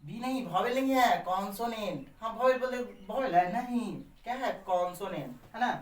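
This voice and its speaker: A man's voice: sits high, normal speed. A man teaching a basic grammar lesson to camera, asking and answering his own questions with frequent tags. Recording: echoey room, far from the mic.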